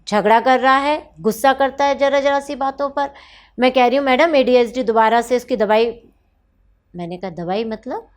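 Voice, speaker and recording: A woman counsellor recounting a session with a mother and child, acting out the dialogue and dropping to soft asides. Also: high-pitched.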